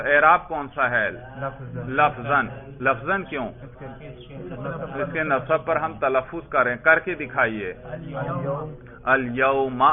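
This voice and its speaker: A man teaching Arabic grammar in a classroom lesson, quizzing his students and calling them brother. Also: a little high. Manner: quizzing, prompting students for answers; addresses listeners as brother. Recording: tinny phone-like lo-fi recording.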